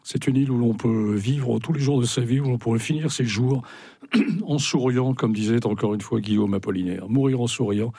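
A male radio guest speaks in a relaxed, storytelling way, circling back and stumbling over words as he goes. His voice is mellow and warm. The studio sound is dry and close. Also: medium pitch, normal speed, creaky, breathy edge, no echo. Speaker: radio guest, writer and sailor. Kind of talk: radio interview.

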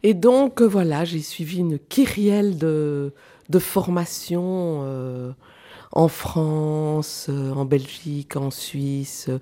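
Interview guest: middle-aged woman from Switzerland, mellow low voice, halting, thoughtful. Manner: hesitant, searching for words with many fillers. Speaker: guest, clown and actress. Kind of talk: radio interview.

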